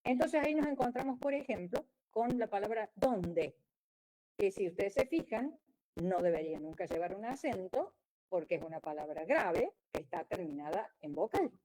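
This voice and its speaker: A woman's voice: mid-range voice, animated, normal speed, mellow, low-quality recording. A woman giving a conference lecture as a geologist, explaining in a wry way with frequent restarts. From Argentina.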